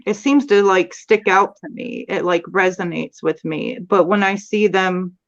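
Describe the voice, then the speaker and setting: A woman's voice: on the low side, a little slow, gravelly. Woman guest on a live chat, hesitant, lots of ums, kinda dull lo-fi sound. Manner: hesitant, trailing off, many fillers. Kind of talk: casual group chat on a live stream.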